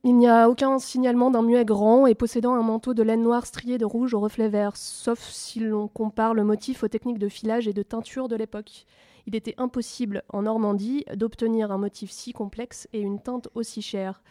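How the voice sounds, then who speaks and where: A woman's voice: on the high side, little pitch movement, normal speed, dark tone, no echo, studio quality. A woman appearing as an expert guest on a mock documentary, laying out precise, detailed explanations.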